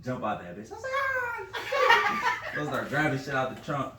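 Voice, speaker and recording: A man co-hosting a podcast, telling a story in animated, profane casual chat. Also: mid-range voice, racing. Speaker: podcast co-host. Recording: echoey room, distant mic, faint noise.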